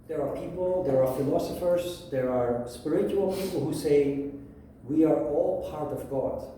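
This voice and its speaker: Slow-speaking man teaching in an echoey room. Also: a little high, warm tone, a little hiss or hum. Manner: slow, measured, with pauses and restarts. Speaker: yoga teacher. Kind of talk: explanatory lecture at a whiteboard. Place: room with a whiteboard. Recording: echoey room, mic at a distance.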